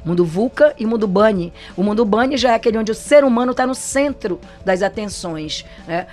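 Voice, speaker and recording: A woman's voice: medium pitch, expressive, fairly quick, a little mellow, faint music behind. A Brazilian woman giving a casual motivational talk as a business trainer, chatty and often checking in with her listeners. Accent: Brazilian Portuguese. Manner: chatty, frequent tag questions. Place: studio set for a program.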